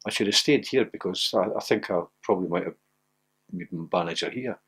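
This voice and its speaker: A man's voice: fairly quick, husky. Older man telling football stories. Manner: laughing anecdotal, gets loud and high when excited. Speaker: former footballer interviewee. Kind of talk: animated storytelling.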